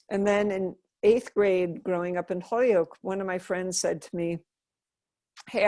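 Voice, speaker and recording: Her voice is lowish and darkish, captured as clean studio sound without echo. She's a middle-aged interview guest from Western Massachusetts, USA, casually telling stories while chatting and laughing.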